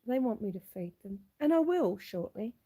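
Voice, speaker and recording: A middle-aged Australian woman, hoarse and husky with a cold, chats casually and greets her live stream viewers from her homestead while filming outside on her phone camera. She talks at a moderate pace in a sing-song way, on the high side, with a dark tone.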